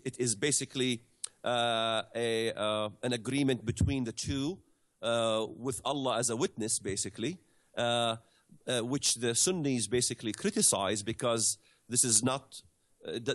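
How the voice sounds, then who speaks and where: A man from the Middle East speaks at an ordinary, middling pitch as a guest explaining a subject in conversation. He pauses often, fills gaps with hesitant sounds and restarts his phrases. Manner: hesitant, many fillers and restarts. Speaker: guest commentator.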